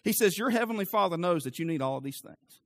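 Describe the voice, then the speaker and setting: Fervent preaching pastor, high voice. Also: male voice, fast talker, creaky. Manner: builds from calm teaching to loud, fervent preaching. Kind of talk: sermon. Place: church.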